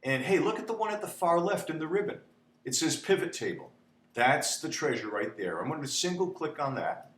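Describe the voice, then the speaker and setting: A man's voice: fairly high pitch, sing-song, brisk. Chatty man teaching spreadsheets, echoey room. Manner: chatty, repeats "okay?", dramatizes panic. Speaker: instructor. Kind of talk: spreadsheet tutorial. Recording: echoey room with faint hum.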